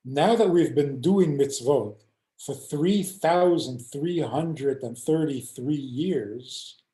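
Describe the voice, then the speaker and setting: A man's voice: on the high side, slow pace, echoey room, low-quality recording. An older man, a rabbi, teaching over a video call and telling stories, acting out the people he quotes. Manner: animated storyteller acting out quoted voices.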